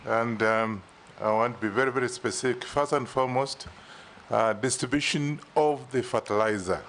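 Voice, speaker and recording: Emphatic Kenyan MP, direct. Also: male voice, mid-range voice, normal speed, a bit bright, slight background noise. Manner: direct and emphatic, repeats words for stress. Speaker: member of parliament on a vetting panel. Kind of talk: formal questioning in a parliamentary hearing.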